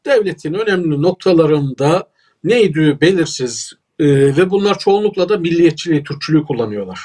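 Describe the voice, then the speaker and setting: A man's voice: a little high, darkish tone. Emphatic Turkish man lecturing on politics. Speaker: political scientist guest. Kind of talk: political commentary in an interview.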